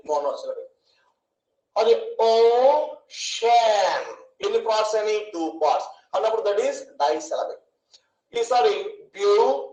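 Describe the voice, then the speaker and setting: Male teacher, high voice, patient questioning delivery; roomy, muffled lo-fi recording. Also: a little mellow. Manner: slow, questioning, drawing out each syllable. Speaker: English grammar teacher. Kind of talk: online classroom lesson. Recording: echoey room, dull lo-fi sound.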